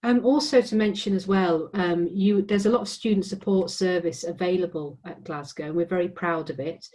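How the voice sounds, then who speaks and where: Here a mellow, lowish female voice moves at normal speed. The speaker, an English-accented admissions representative from England, presents university information while frequently hesitating with ums and restarts.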